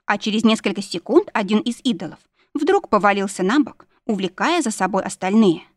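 Lady reading a storybook aloud, dry studio sound, middle pitch. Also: a little fast, dry recording. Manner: expressive, shifts voices for quoted characters. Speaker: audiobook narrator. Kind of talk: storybook narration with character voices.

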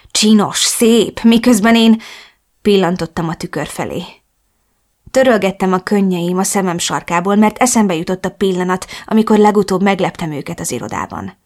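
Woman reading a novel aloud, first person, sad emotional narration, mid pitch. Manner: emotional, melancholic storytelling. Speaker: audiobook narrator.

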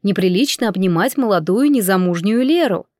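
A woman's voice: medium pitch, lively intonation, brisk, darkish tone, no room sound, clean studio sound, natural voice. A woman reading the lines of a reproachful aristocratic mother, a countess.

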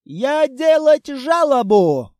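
A fat, pompous foreign villain, shrill and high, sputtering outrage in broken grammar, as a man puts him on. The voice is mellow underneath the shrieks and sits close and dry in a storybook reading. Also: sing-song, slow, no echo, heavily acted. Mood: indignant.

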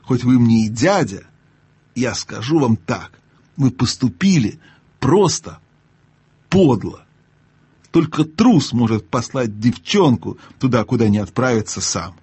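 A man voicing a blunt, indignant young boy in a storybook reading, with a husky voice. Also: mid-range voice, animated, a little slow, a little mellow, no room sound.

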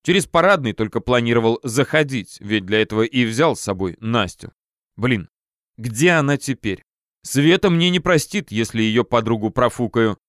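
A man's voice: mid-range voice, a little fast, hardly any pauses, no echo, clean studio sound. Man narrating a first-person audiobook. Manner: lively first-person storytelling with slangy asides.

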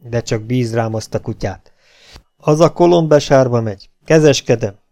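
A man's voice: mid-range voice, dark tone, natural voice. A man reading an audiobook, voicing a weary, hot-tempered legion captain who threatens and coaxes a prisoner. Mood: coaxing. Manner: threatening, then coaxing and falsely friendly.

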